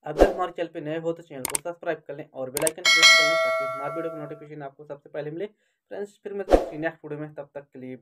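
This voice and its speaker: A tech tutorial YouTuber and host walks viewers through a phone, step by step, in a quick, fairly high voice over a very noisy recording. He repeats the instructions and addresses his audience as friends.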